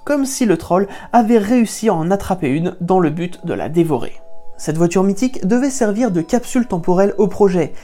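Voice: mid-range voice, dark tone. A host narrating an educational video in a playful, conversational scripted tone.

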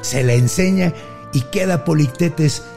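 A man with a Mexican accent casually retelling a Greek myth on a podcast, slangy, animated and jokey. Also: fairly high pitch, measured pace, gravelly, soft background music. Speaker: podcast storyteller. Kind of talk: casual mythology storytelling.

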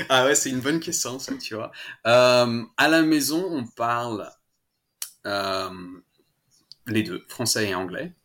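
This guest is a French-speaking father from France who talks informally, full of fillers, false starts, and laughs. He speaks slowly and expressively at a medium pitch, pausing often, with a sharp edge to his tone.

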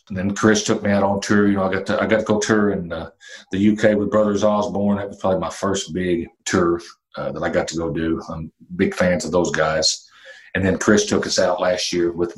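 Country singer-songwriter, man of fifty, very low voice, laid-back storyteller who swears now and then. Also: poor audio. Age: 50s. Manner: relaxed storytelling with fillers and mild cursing. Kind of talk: casual interview talk.

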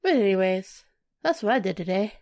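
Gravelly woman podcast co-host. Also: medium pitch, expressive, fairly quick, a little mellow. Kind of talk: casual podcast chat.

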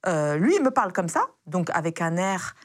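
A young adult woman, a former intelligence officer, casually retelling a dangerous encounter in a lively, slangy way with many fillers. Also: on the low side, moderate pace. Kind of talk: casual spoken storytelling.

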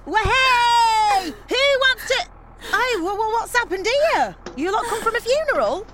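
A woman voicing a brash, loud party girl who talks in slang and swears casually. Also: on the high side, big pitch swings, moderate pace, a little hiss or hum. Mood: rowdy. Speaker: trip organiser.

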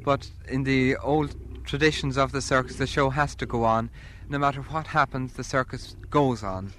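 A man's voice: mid-range voice, fairly even intonation, normal speed. A man talking reflectively about his work in documentary style. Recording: noisy location recording.

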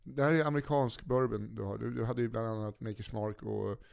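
A man's voice: lowish voice, steady tone, gravelly, darkish tone, smooth. A man chatting casually as a co-host, joking crudely and spinning absurd little stories. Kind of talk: casual chat.

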